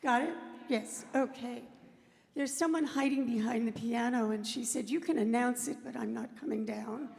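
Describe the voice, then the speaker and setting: A woman's voice: on the high side, normal speed, gravelly, a little mellow. A woman leading a congregation service, announcing in a playful, friendly way. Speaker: service leader. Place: large hall with congregation. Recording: reverberant hall, distant mic, murmuring audience.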